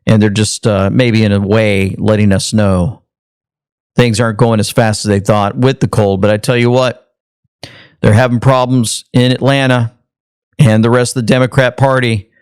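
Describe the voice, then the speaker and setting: A man's voice: on the low side, flat delivery, moderate pace, darkish tone, clear, resonant tone, no room sound, studio quality. A man hosting an online commentary show, reacting to news clips in a casual, musing way and reading a sponsor message. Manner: conversational, speculative, repeats phrases.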